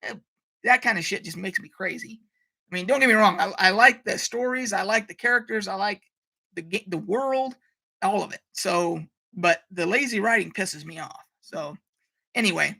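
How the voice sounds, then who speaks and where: A woman's voice: medium pitch, moderate pace, creaky, bright, forceful tone. A woman hosting a casual live stream, ranting animatedly, swearing freely and reading out viewer comments. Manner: reads out viewer chat comments.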